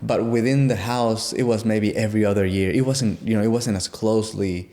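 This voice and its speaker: A young man from Guatemala, reflecting on his upbringing in a casual interview, with pauses and restarts. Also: lowish voice, steady tone, dark tone. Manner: reflective, halting, with fillers and restarts. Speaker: interview guest.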